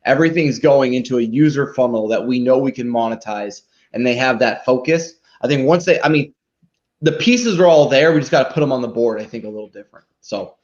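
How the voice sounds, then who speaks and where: A live marketing show host with an expressive, medium-pitched voice talks fairly quickly, presenting and critiquing in an informal, emphatic style. He sprinkles in tag questions seeking agreement, and the audio is dull and lo-fi.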